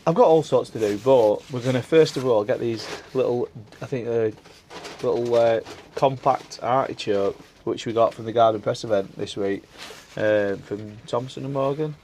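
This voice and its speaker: A man talks through his allotment jobs in a loose, rambling vlog style, at a middling pitch and full of fillers. He is recorded outdoors on his plot and in a greenhouse, with faint noise behind him. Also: moderate pace, darkish tone. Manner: chatty and rambling, with filler words. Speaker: allotment vlogger. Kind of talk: casual vlog chat.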